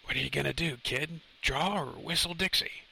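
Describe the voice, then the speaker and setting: A man voicing a gruff tough-guy gunslinger who speaks low and quietly. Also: moderate pace, heavily acted, poor audio. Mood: menacing.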